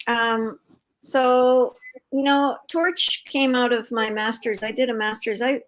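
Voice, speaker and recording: A woman's voice: on the high side, steady tone, slow pace, rough recording. Older woman hosting a chatty live call. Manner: warm, rambling, with many fillers. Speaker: host and founder of an organization. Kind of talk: casual conversational interview.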